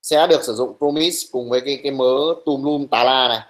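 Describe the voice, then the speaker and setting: A young male teacher running an online class, brisk and teasing, who scolds his students bluntly while taking attendance. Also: medium pitch, poor audio.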